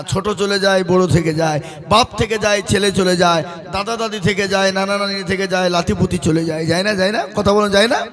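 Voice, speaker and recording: A man preaching a waz sermon to a gathering. He declaims, slips into chanted lines and quizzes the crowd with questions. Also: high-pitched. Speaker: Islamic preacher.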